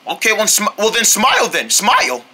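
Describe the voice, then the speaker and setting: A woman voicing a fussy cartoon friend who talks in a lower, bossy, questioning way. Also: sing-song, brisk, pushed and bright, a little hiss or hum. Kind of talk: homemade cartoon voice acting.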